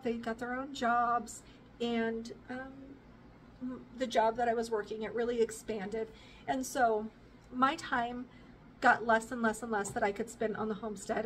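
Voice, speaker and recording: A woman's voice: on the high side, a bit bright, a little hiss or hum. Chatty woman talking from a distance. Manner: rambling, chatty, with fillers and laughs. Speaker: homestead vlogger. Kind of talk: casual talk to camera. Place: living room with bookshelves, indoors. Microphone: camera at a distance.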